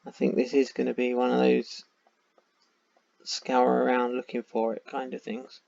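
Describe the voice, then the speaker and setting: Tired, gravelly man muttering over a game. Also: medium pitch, monotone, unhurried, a little mellow, no echo. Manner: muttering, thinking aloud while searching a map. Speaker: game streamer. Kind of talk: casual gameplay commentary. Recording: dull lo-fi sound.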